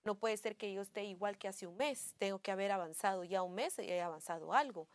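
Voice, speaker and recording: A woman co-hosts a faith-based talk in a casual, anecdotal way. She often acts out little family conversations and fills her speech with small pauses and fillers. Her voice sits at an ordinary female pitch, recorded close and dry. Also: no echo.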